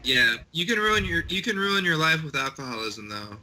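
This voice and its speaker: A man's voice: a little high, sing-song, moderate pace, sharp tone, rough recording. A man co-hosting a podcast in casual, conversational talk. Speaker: podcast co-host. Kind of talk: casual chat.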